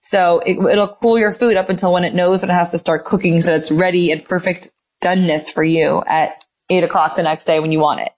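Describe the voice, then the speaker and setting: A woman's voice: lowish voice, fairly even intonation, brisk. A mother who cooks, a woman, chatting enthusiastically as a podcast guest, with many "like"s and exclamations. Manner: enthusiastic, gushing, lots of "like" and "oh my God". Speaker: guest, cooking mom. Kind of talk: casual interview chat. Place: Los Angeles.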